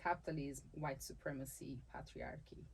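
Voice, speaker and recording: Speaking in a rumbling low, slightly rough voice, this woman is animated and keeps a moderate pace, though the recording is rough. She is a dancer and capoeira teacher from Salvador, Bahia, Brazil, with Portuguese as her first language and a Brazilian accent. In a conversational interview she is thoughtful, often restarts phrases and laughs easily.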